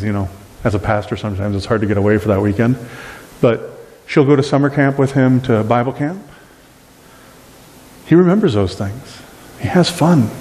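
A middle-aged man preaches with animated emphasis from the pulpit of a small church. His voice is mellow and dark, and it rings out in a long hall reverb, picked up by a camera at the back of the room. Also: medium pitch, a little hiss or hum. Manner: animated preaching with wide gestures. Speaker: pastor. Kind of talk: sermon. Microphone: far camera at back of room.

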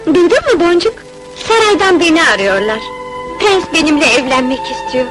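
A woman's voice: high voice, animated, normal speed. A woman acting an earnest, innocent young fairy-tale heroine, emotional in her delivery. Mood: dreamy joy. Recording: old film soundtrack with loud music.

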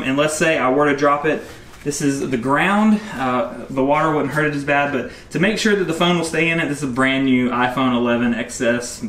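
Slight background noise sits under this fishing vlogger's voice, which is on the high side and a bit bright. In his thirties and upbeat, he chats his way through a gear review for a casual home vlog, recorded on a close camera mic in his garage.

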